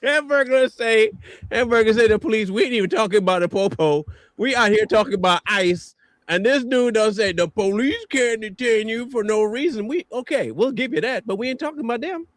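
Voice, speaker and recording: A man co-hosting a livestream, talking in animated, mocking banter. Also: sits high, no room sound, clean studio sound. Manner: animated, mocking, quick to laugh. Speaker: livestream co-host.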